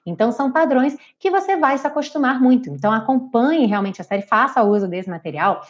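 A woman with a Brazilian Portuguese accent runs a live online English lesson. She drills each sound patiently and repeats words slowly so learners can copy her. The stream audio is dull and lo-fi. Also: sits high, expressive. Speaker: English teacher.

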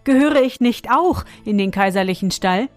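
A woman voicing a haughty, easily offended male dung beetle in a storybook tale, quick and indignant. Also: mid-range voice, expressive, darkish tone, lightly acted. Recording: faint music behind.

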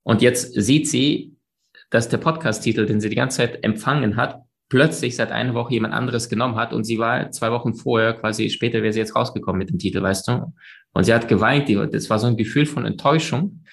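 A man's voice: medium pitch, fairly quick, vocal fry. A man talking expansively and emphatically as an interview guest, with many fillers and restarts. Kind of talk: conversational interview.

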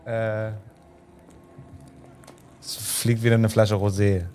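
A man's voice: fairly low pitch, little pitch movement, slow pace, a little mellow, soft background music. A man, narrating and chatting casually as the game master of a tabletop role-playing game.

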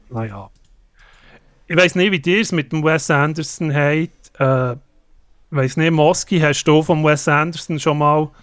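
A man, co-hosting a casual film review podcast, talking haltingly with many fillers and restarts. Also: on the high side, fairly bright tone, no room sound. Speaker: podcast co-host.

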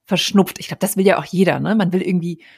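A woman's voice: on the low side, fast talker, creaky, a little mellow, breathy edge. A woman hosting an interview, asking long, thoughtful questions in a casual way. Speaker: interviewer, host.

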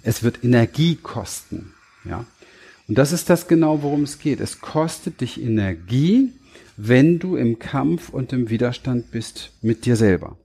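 A man who trains coaches, giving a motivational talk straight to the listener, slow and deliberate, checking in with short tag questions. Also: medium pitch, expressive, vocal fry, dark tone, slightly rough. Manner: addresses listener directly, frequent tag questions.

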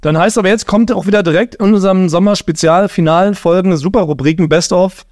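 High-voiced teasing man, dry sound. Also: fast talker, darkish tone, dry recording. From Berlin. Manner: playful, laughing, teasing. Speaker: podcast host. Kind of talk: casual comedy chat.

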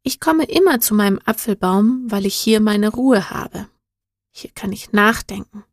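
A woman's voice: medium pitch, expressive, unhurried, no room sound, studio quality. A woman voicing a thoughtful young girl in a storybook, speaking in an earnest, searching, heartfelt way. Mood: earnest, wistful.

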